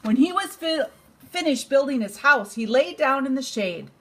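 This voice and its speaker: In a high voice, an older woman reads a bedtime story to a child, unhurried and expressive, as a grandmother would.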